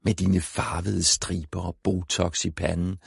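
A man's voice: low-pitched, little pitch movement, vocal fry, breathy edge, no room sound, clean studio sound, exaggerated voice. A man voicing a sulky, dismissive teenage boy in an audiobook, with offhand replies.

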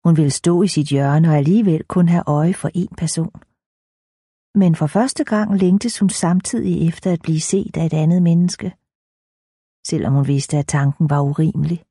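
Dark-toned woman narrating an audiobook. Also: deep voice, breathy edge, no echo, clean studio sound.

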